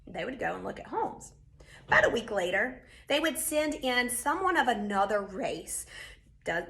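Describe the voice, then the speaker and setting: A woman's voice: medium pitch, a bit bright. A middle-aged woman teaching a recorded real estate lecture, direct and emphatic, repeating her key points.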